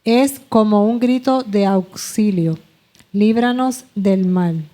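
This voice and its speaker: A woman with a Puerto Rican accent reads a church study text aloud for her class. Her delivery is steady and careful. Her tone is dark and mellow, at an average pitch for a woman. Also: slow. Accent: Puerto Rican Spanish. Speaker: class member reading aloud.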